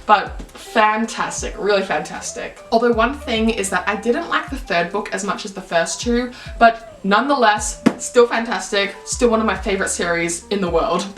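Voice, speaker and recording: A woman's voice: medium pitch, moderate pace, few pauses, a bit bright, soft background music. A young woman reviewing her favourite books in a casual vlog, gushing and enthusiastic, full of fillers. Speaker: book vlogger. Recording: roomy home recording.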